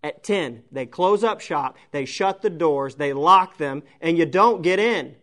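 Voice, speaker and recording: Man, preacher, storytelling sermon, self-mocking, fairly high voice. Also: expressive, measured pace, a bit bright.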